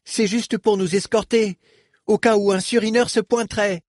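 A man's voice: high-pitched, fairly even intonation, normal speed, a little mellow, dry recording, studio quality, pitched above the performer's own voice, natural voice. A man voicing a cheeky, greedy street boy in an audiobook, slangy and whining when cornered. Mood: cocky. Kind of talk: audiobook character voice.

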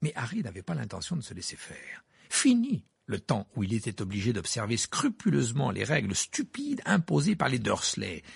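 Male audiobook narrator, expressive and animated, gravelly and husky, dry studio sound. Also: mid-range voice, normal speed, no echo. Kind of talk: scripted narration.

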